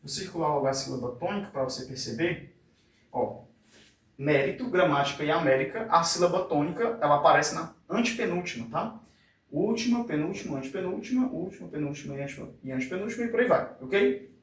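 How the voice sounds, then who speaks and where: A male Portuguese teacher explains a lesson at a whiteboard in a fairly high, expressive, slightly bright voice, pronouncing words slowly syllable by syllable. He often adds tag questions like "tá?" and "fechado?" The room is echoey, and his voice sounds a bit distant from the mic.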